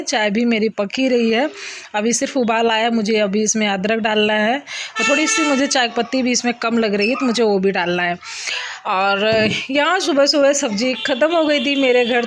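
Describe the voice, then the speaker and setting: A woman's voice: on the high side, slight background noise. Chatty young woman narrating her cooking. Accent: Uttar Pradesh Hindi. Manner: chatty, explains each step with fillers. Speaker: vlogger. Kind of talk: casual cooking vlog narration. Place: home kitchen.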